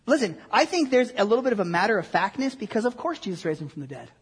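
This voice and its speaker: Husky woman preaching an animated sermon. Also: mid-range voice, fast. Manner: animated, acts out the scenes with big shifts in loudness; asks the audience questions.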